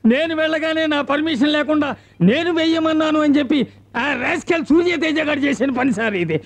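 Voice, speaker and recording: A nervous, excitable editor. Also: male voice, extremely high pitch, fast. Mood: pleading. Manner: pleading, then theatrical. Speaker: newspaper editor.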